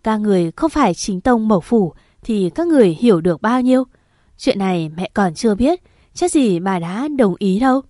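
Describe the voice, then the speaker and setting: A woman voicing a domineering older father who shouts harshly at his son in an audiobook story. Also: mid-range voice, expressive, moderate pace, no echo, clean studio sound, lightly acted. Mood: stern. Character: stern patriarch father, older man, domineering.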